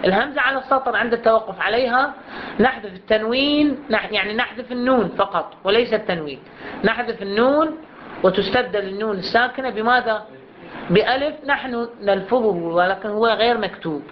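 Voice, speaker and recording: A recitation teacher leads a classroom lesson, putting questions to the students and drawing example words out slowly so each sound can be heard. The voice sits at an ordinary middle pitch. The recording is dull and lo-fi, with steady background noise running underneath. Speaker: teacher of Quran recitation rules.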